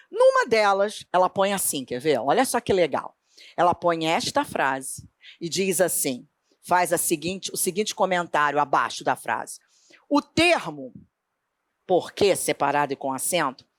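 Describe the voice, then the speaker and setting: Woman, Brazilian accent, middle-aged teacher, very lively pitch, dry close sound, emphatic. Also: no room sound. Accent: Brazilian Portuguese. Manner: animated, emphatic, asks and answers her own questions. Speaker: Portuguese teacher. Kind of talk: exam-prep grammar lesson.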